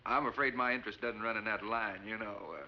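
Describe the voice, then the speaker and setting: A man's voice: on the low side, fairly even intonation, fast talker, slight background noise, close to an everyday voice. An actor playing an easygoing male boat captain who talks in a casual, dry, plain-spoken way. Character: adult male sea captain, easygoing and blunt. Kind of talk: 1950s film acting. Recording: dull old film soundtrack with music.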